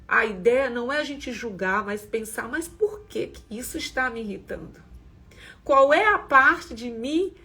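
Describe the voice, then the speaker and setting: Woman host, husky and a little high, gentle reflective self-help talk, chatty asides. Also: expressive, measured pace. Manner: gentle, conversational, frequent "né?" asides. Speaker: host of a women's self-development community.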